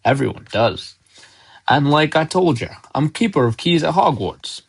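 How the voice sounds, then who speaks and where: A man doing a booming folksy giant. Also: sing-song, moderate pace, gravelly, slightly rough, full character voice. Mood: gruff, exasperated. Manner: loud blustering outbursts, folksy speech. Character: big gruff kindly giant groundskeeper man.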